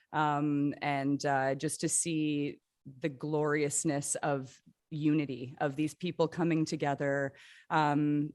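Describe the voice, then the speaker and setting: A woman's voice: low-pitched, dry recording. Dry-voiced woman, earnest podcast guest. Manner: laughs often, earnest and heartfelt when recounting. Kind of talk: casual chat and personal storytelling. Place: Hamilton, Ontario.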